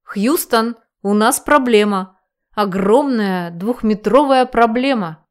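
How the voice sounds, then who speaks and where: A woman reading an audiobook, voicing a bossy, hysterical female friend who yells and teases. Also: takes it slowly. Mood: alarmed yelling. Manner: shrill, yelling. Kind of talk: audiobook character voice.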